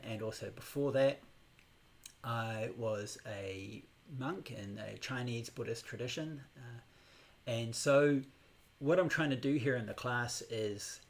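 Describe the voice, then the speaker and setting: Middle-aged New man, gravelly voice, meditation teacher opening a live-streamed class, unhurried and hesitant. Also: mid-range voice. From New Zealand. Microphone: new microphone on a laptop setup.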